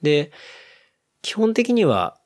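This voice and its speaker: Young man chatting with a lively voice. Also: fairly high pitch, slow pace. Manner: relaxed, explains news with many fillers. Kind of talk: casual chat.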